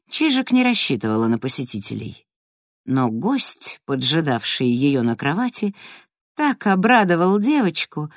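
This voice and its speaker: A woman reading a children's story aloud in a calm, measured way. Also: lowish voice, no echo, clean studio sound. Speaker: narrator. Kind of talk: scripted audiobook narration.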